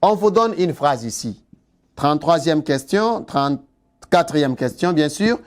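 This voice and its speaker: A man teaching an exam-prep lesson, slowly repeating key words and asking his students rhetorical questions. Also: on the high side, expressive. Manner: slow and deliberate, repeats key words, spells out terms; asks the class rhetorical questions.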